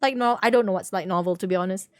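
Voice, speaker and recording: A woman live streamer chats casually and informally with her viewers while gaming, giggling along the way. Her medium-pitched, darkish voice moves very fast, and the clean studio sound has no room sound.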